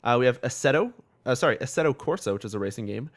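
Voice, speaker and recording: A man's voice: medium pitch, expressive, fast talker. A man hosting a casual gaming podcast, reading out news in a rambling, swear-filled way and stumbling over game names.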